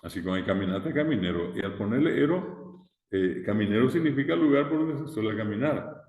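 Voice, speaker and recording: Deep-voiced man teaching class. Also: animated, brisk, phone-quality sound. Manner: explains step by step with frequent "eh" and rhetorical questions. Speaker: language teacher. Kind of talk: recorded online class lecture. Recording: echoey room with long reverb.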